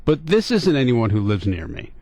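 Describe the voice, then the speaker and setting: A middle-aged American radio talk show host has a mellow, mid-range voice with huge pitch swings and a normal speed. Telling a casual story in his radio studio, he talks conversationally, asks questions, and repeats points for emphasis, and the recording is dry.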